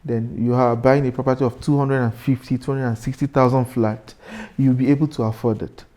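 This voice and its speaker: Man, real estate agent, interview, step-by-step explanations, mellow dark tone. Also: mid-range voice, flat delivery, brisk. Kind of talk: interview answers.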